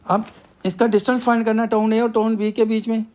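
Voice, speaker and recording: Man teaching math, dark voice. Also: high-pitched, flat delivery, quick pace. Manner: asks questions aloud then answers them himself. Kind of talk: step-by-step math lesson.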